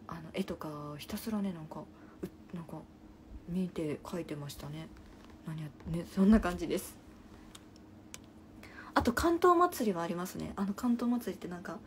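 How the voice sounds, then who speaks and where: A young woman hosting a casual live stream, chatting through viewers' comments and often dropping into a soft half-whisper, speaking into a phone. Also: on the low side, slight background noise. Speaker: livestream host.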